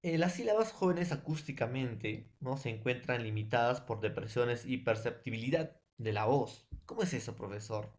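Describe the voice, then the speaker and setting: A man's voice: mid-range voice, expressive, normal speed, hardly any pauses, darkish tone. A man from Peru teaching a secondary school language class, explaining patiently and repeating his points, with frequent tag questions and fillers. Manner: repetitive, fills every phrase with tag questions and addresses. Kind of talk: recorded online class lecture.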